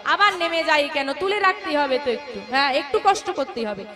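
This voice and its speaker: High-voiced kirtan singer woman. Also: expressive, fairly quick. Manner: playful, teasing and coaxing the crowd to chant. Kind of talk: devotional kirtan with audience banter. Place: live stage before a crowd. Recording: live music and crowd noise.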